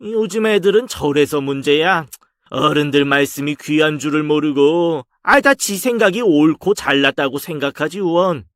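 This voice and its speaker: A man's voice: a little high, fairly bright tone, no echo, clean studio sound, close to an everyday voice. A man voicing a pompous older male customer who lectures a young daughter-in-law about respecting elders. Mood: lecturing. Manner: lecturing, condescending, slow. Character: pompous preachy older male restaurant regular. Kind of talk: dramatized story reading.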